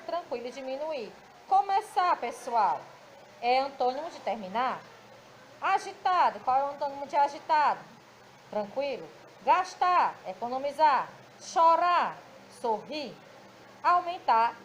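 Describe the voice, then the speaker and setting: Patient Brazilian schoolteacher, high voice, faint room noise behind her. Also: rough recording. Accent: Brazilian Portuguese. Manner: patient, explaining, frequent checking "certo?". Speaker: teacher. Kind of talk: recorded grammar lesson for children. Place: classroom.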